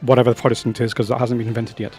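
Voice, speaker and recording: A man's voice: medium pitch, little pitch movement, rapid-fire, darkish tone, husky, soft background music. A man casually commenting on his own strategy game, rambling and breaking off into chatty asides.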